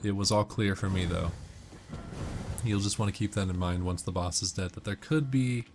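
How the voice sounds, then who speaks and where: Deep-voiced, with vocal fry and a normal speed, a gamer casually explains walkthrough tips step by step. Background noise of game music and gunfire runs throughout.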